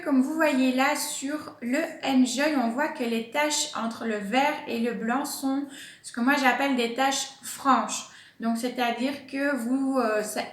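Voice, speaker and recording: A woman with a high voice talks slowly and casually about her houseplants, pausing often with fillers as she explains. The sound has the ring of an echoey room at home. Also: fairly bright tone. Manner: chatty, hesitant with many fillers. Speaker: plant channel host.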